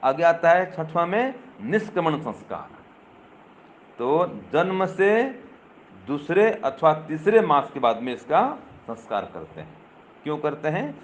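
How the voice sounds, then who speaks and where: A man's voice: fairly high pitch, big pitch swings, a little slow, slight background noise. An older man delivering a teaching sermon to a live audience. He keeps asking rhetorical questions and speaks to listeners directly. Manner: addresses listeners directly, teasing. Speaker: swami. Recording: dull lo-fi recording with faint ambience.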